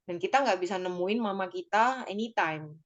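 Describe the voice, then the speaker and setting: A woman tells a personal story to her church group in an open, emotional, conversational way. She leans on fillers and little tag phrases and keeps turning to her listeners as friends. Her voice sits at an ordinary pitch for a woman. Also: expressive, normal speed, lo-fi sound. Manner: addresses listeners directly. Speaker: church small-group member giving a testimony.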